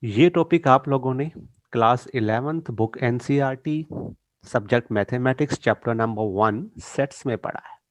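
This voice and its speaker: A middle-aged male teacher giving a lesson to students, mixing two languages and stressing key English phrases slowly. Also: medium pitch, no room sound. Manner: mixes Hindi and English, addresses students directly.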